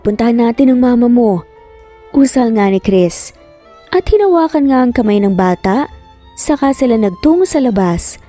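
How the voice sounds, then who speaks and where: A woman narrating a dramatic story in a slow, deliberate manner. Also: fairly high pitch, mellow. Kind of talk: scripted narration.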